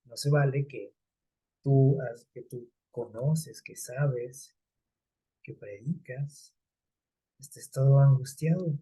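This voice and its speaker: A man preaching a sermon, explaining scripture in a conversational way with everyday examples and rhetorical questions, slowing down when he quotes it. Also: medium pitch, warm tone, breathy edge, poor audio.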